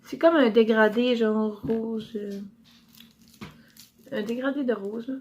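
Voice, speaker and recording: A woman's voice: on the high side, takes it slowly, a little mellow, highs cut off. A woman with a Quebec French accent chatting through a casual giveaway unboxing in her home office, rambling and upbeat. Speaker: YouTuber. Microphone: camera mic.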